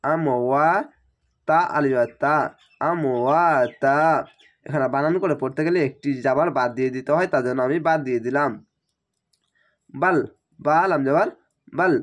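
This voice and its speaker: Slightly high-voiced man teaching recitation. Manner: patient, spells letters slowly and repeats rules. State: slightly unwell, strained voice. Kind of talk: spelled-out recitation lesson.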